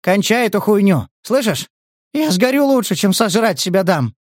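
Guy voicing a scared teen prisoner, crying and yelling, way high up. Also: very animated, moderate pace, dry recording, studio quality. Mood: panicked tearful. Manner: shouting, near hysterical. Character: frightened, tearful young male captive.

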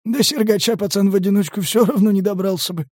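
A man voicing a husky, ironic mercenary medic who muses philosophically. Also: sits high, quick pace, no echo, studio quality, voice pushed up. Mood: musing ironic. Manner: musing, ironic.

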